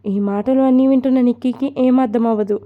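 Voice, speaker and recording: A woman narrating a romantic story with a steady, expressive reading. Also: high voice, fast talker, phone-quality sound.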